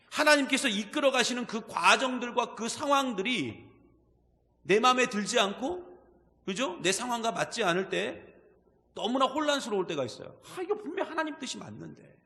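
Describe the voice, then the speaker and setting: Male pastor, conversational sermon, animated pitch, reverberant hall. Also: moderate pace. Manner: conversational preaching, asks the congregation questions. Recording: long reverb of a church hall.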